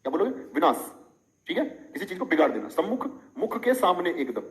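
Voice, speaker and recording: A middle-aged man leads a live online lesson, talking to his students in a chatty, teasing way. He keeps tossing out questions and playful examples. His voice sits slightly higher than most men's. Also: sing-song, a little fast, poor audio. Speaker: teacher.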